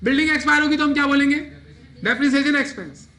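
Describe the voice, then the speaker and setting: High bright male lecturer quizzing students. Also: racing. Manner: asks students questions and answers them himself. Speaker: accounting lecturer. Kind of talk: classroom lecture.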